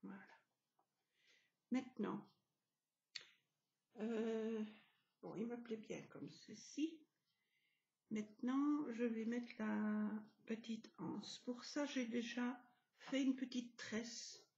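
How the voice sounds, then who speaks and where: A woman narrating a craft tutorial, explaining each step gently with soft asides. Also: fairly high pitch, takes it slowly, vocal fry, pauses often, echoey room. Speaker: craft video host. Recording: dull lo-fi home recording.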